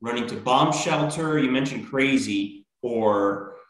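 A man's voice: mid-range voice, slow, a bit bright, reverberant, low-quality recording. A man in his thirties hosting a business interview show, upbeat and polite, guiding his guest with questions. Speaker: host. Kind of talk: interview hosting over video call. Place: small room with bare walls.

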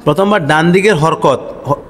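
Man, high voice, patient teacher, self-questioning, chants examples, long reverb. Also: breathy edge. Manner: explains slowly, asks and answers his own questions, chants sample words. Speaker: Quran reading teacher. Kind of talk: step-by-step recitation lesson.

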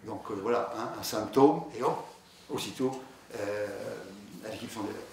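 A man's voice: on the low side, normal speed, a little mellow. A man, a diabetologist, giving a conversational conference lecture, hesitant with many fillers and restarts, telling patient anecdotes. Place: lecture hall. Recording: echoey hall, distant mic, faint noise.

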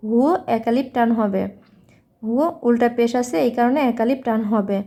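A woman with a Bangladeshi accent teaching recitation, explaining quickly and then reciting slowly with long drawn-out vowels. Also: a little high, fairly even intonation, mellow. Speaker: religious teacher. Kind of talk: recitation lesson.

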